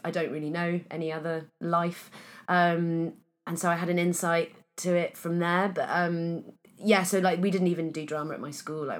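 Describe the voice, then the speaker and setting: Husky and a little hoarse today, the voice of this actress from Wales, in her thirties, sits on the low side. She talks informally in an interview, often using filler words and starting her sentences over.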